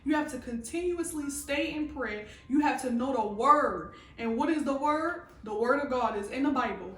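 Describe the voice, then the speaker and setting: A woman's voice: sits high, lively intonation, moderate pace, roomy sound, distant mic. A woman giving a fervent, preachy faith talk to camera, calling her listeners "baby" and asking if they hear her. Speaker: faith vlogger.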